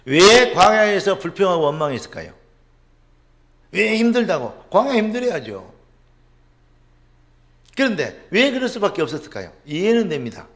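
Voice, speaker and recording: A middle-aged male pastor preaching a sermon, asking rhetorical questions and dropping suddenly to a low murmur. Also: fairly bright tone.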